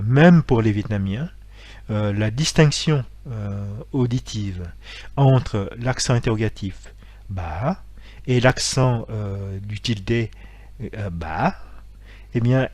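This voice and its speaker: A man's voice: medium pitch, a little mellow, dry recording. A man giving a patient, step-by-step language lesson and saying example sounds aloud to show each tone. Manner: patient, explains step by step, demonstrates tones aloud. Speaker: language teacher for martial arts students. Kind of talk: explanatory lesson with spoken examples.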